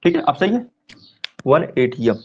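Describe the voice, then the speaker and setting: A man teaching a chemistry class online, asking rhetorical questions and answering them himself, repeating key terms slowly. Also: fairly high pitch, big pitch swings, breathy edge. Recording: dull lo-fi recording.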